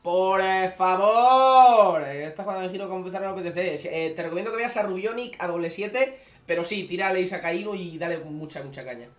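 A young man streaming a gacha game, swearing freely and pleading with the game, swinging from mutters to shouts. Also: sits high, fast. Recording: echoey room with background music.

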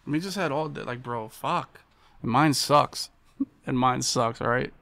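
Unhurried yet pushed and bright, with a creaky edge, this thirty-something American streamer complains profanely as he plays. The recording is dry, made in a small indoor room with monitors, his voice at a medium pitch.

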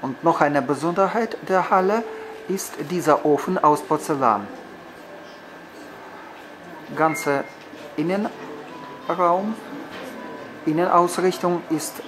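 A man's voice: a little high, slow pace, pauses often. A man in his forties from Ukraine with a Ukrainian accent, guiding viewers through a restaurant, hesitant with many fillers and restarts. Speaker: tour guide host. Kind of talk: guided restaurant tour. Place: indoor restaurant rooms. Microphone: camera mic from a few steps away. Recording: roomy restaurant with music behind.

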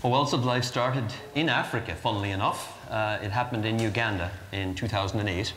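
A man's voice: fairly low pitch, a little fast, a bit bright, reverberant, long reverb tail, slight background noise. A man from Ireland with an Irish accent, a charity founder earnestly explaining his work in a TV interview before a live audience.

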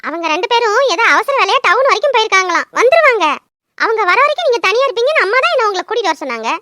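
This is a very high, bright, cheeky little girl in a cartoon. She rattles off her lines at speed, blunt and bossy with her older cousin. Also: very animated, no room sound, studio quality, exaggerated voice. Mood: impatient. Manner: quick, chattering, blunt. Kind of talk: cartoon dubbing.

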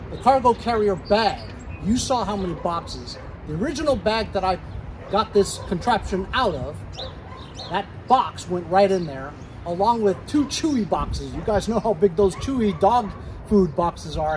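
A chatty middle-aged man with a fairly high voice, talking straight to his viewers in a casual review. He stands outdoors in a driveway, recorded on a nearby phone, with clear street and traffic noise behind him. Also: animated, moderate pace. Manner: chatty, addresses viewers as guys. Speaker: product reviewer. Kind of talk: casual product review vlog.

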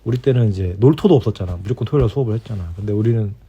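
Talking very fast in a lowish, warm voice with a breathy edge, a middle-aged man rambles easily in a casual bedtime chat with his spouse, sounding like a podcast host before sleep. The home recording is dull and lo-fi.

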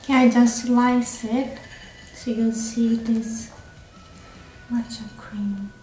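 A slightly high-voiced woman reviews food for her vlog, talking slowly and casually to camera. Relaxed and chatty, she leans on fillers and restarts often. Faint music plays in the echoey small indoor room.

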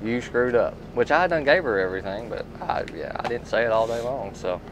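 Inside a tool truck, a man with a medium-pitched, brisk voice talks casually and folksily as a tool dealer showing his products, mixing product talk with storytelling. Crowd noise and steady background noise run throughout.

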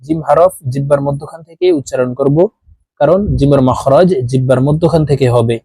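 A man with a Bangladeshi Bengali accent teaching Arabic letters slowly, one by one, with the letter names drawn out and chanted. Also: mid-range voice, fairly even intonation, dark tone, slightly rough, dry recording. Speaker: Quran teacher. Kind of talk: slow letter-by-letter lesson.

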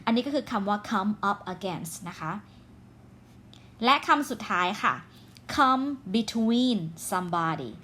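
A woman teaching English phrasal verbs in Thai with a Thai accent, reading English examples slowly and carefully. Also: medium pitch, expressive, sharp tone. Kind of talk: online grammar lesson.

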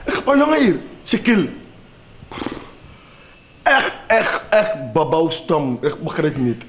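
A flustered schoolteacher in a low-budget film, halting and repetitive, his words tumbling over each other as he scolds his rude pupils. His voice sits a little high, and it carries through an echoey room. Steady background noise runs beneath it. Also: full character voice. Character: flustered male schoolteacher, strict but overwhelmed by rude pupils. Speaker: Dutch teacher at a school.

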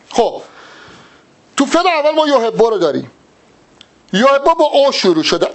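Man, high voice, very lively pitch, Persian-speaking grammar tutor, step-by-step exam-prep explanation. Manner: explains step by step, addresses the student directly. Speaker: Arabic grammar teacher.

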